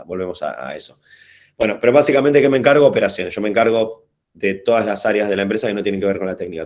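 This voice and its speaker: A man with a Rioplatense Spanish accent runs a workshop over a video call, his voice sitting fairly low. He talks in a loose, slangy, wandering way, often restarting a phrase before he finds the right words. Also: a little mellow. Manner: casual, digressive, slangy, hesitant restarts. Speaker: workshop facilitator. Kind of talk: informal online workshop talk.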